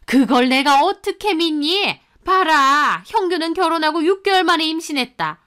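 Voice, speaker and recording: A woman voicing a bossy, harsh middle-aged mother-in-law in a radio drama, talking in a sharp, scornful way. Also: high-pitched, expressive, moderate pace, voice pushed up. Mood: scolding. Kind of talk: Korean story radio drama.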